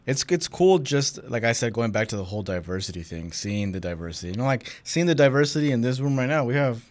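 A young man from California with a Californian accent, hosting a casual podcast chat, relaxed and slangy with frequent laughs. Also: medium pitch, fast talker, no room sound. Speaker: podcast host.

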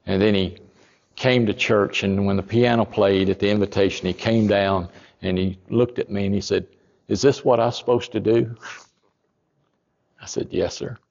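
A man, a pastor telling a story in a sermon, folksy and rising to loud emphatic peaks. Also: on the low side, steady tone, normal speed, creaky, big-room sound, dull audio.

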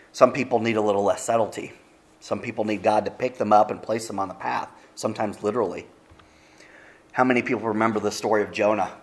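Low-voiced man preaching a sermon. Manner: conversational storytelling, easy asides. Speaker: pastor.

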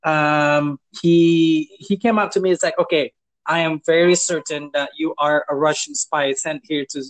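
This man works in property management and is telling stories in an informal interview over poor audio. His slightly high voice keeps a steady tone at a moderate pace, and he's hesitant, full of fillers and restarts, chuckling with amusement along the way.

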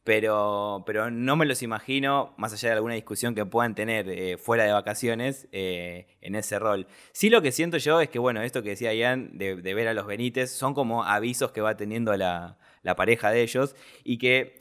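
A man's voice: on the low side, normal speed, hardly any pauses, fairly bright tone, smooth. A man with an Argentine accent chatting casually about a film, hesitant and colloquial, with many fillers. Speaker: podcast film critic.

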